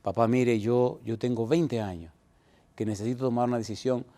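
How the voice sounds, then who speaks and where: A man voicing a grown daughter who speaks softly and hesitantly to her father. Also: medium pitch, steady tone, normal speed, lightly acted.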